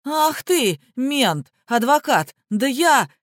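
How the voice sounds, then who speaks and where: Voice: mid-range voice, normal speed, a bit bright, dry recording, clean studio sound, close to an everyday voice. A reader voicing a scrawny male petty thief in custody, who rants and shrieks at his lawyer. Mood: hysterical. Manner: shrieking, ranting.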